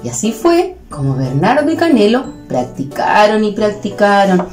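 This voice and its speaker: A Chilean preschool educator telling a story to young children in an animated, sing-song way. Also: female voice, mid-range voice, normal speed. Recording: roomy room with faint music.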